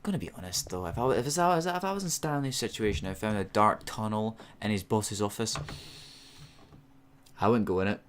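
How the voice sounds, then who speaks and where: A man's voice: fairly low pitch, fairly quick, slight background noise. A man giving casual, chatty, sarcastic commentary while playing a video game. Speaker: let's play host.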